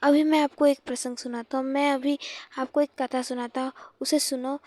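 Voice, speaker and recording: A woman voicing a gentle young male ascetic who tearfully consoles his mother in a devotional story. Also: high-pitched, little pitch movement, moderate pace, dry recording, natural voice. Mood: consoling. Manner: soft, consoling.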